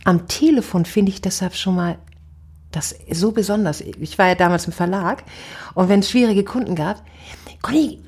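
A middle-aged woman chatting about speaking and weddings in a very husky, mellow voice. She tells her stories animatedly, her pitch leaping up and down. The talk is relaxed and conversational. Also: normal speed. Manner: lively, animated storytelling with big pitch swings. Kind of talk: casual conversation.

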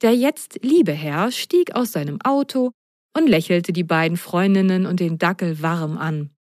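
A woman reading a children's story aloud in a gentle, expressive way. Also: lowish voice, measured pace, dry recording. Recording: dry close voice, faint music.

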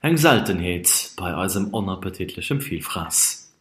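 A man narrating a scripted story in an animated storytelling style. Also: sits low, normal speed, roomy sound.

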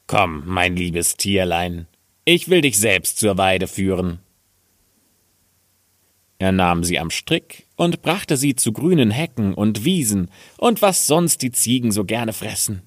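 A man reading a fairy tale aloud as a storyteller, measured and deliberate. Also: lowish voice, no room sound, studio quality.

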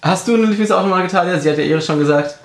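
A man's voice: high voice, racing. Teasing man in his twenties quizzing. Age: 20s. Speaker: podcast host, quizmaster. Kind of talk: casual chat, drinking quiz game. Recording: echoey room.

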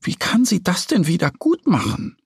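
A man reading a children's story aloud with calm, expressive storytelling. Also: high-pitched, moderate pace, slightly rough, no echo, studio quality. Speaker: narrator.

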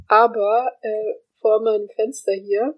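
A woman's voice: medium pitch, fairly even intonation, a little slow, poor audio. Dry-humored young woman chatting casually. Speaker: podcast co-host. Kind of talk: casual chat.

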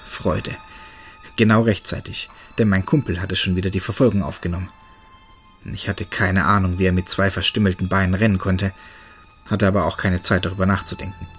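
A man narrating a first-person horror story in a steady, tense manner. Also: low voice, fairly quick, faint music behind.

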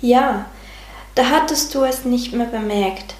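A woman voicing the loving, reassuring inner voice of a soul, speaking in a gentle, patient, guiding manner. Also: on the high side, takes it slowly. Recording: roomy sound with faint music.

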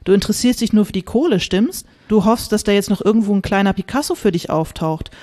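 A woman's voice: medium pitch, animated, quick pace, mellow, natural voice. A woman reading from her novel, voicing a pushy, blunt woman who accuses others. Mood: accusing. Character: brash blunt middle-aged woman, accusing.

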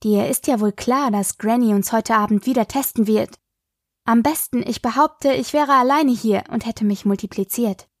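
A woman's voice: on the high side, dry recording, studio quality. A woman voicing a cheeky teenage girl. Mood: sarcastic. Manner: sarcastic, quick-tongued. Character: teasing, cheeky teenage daughter.

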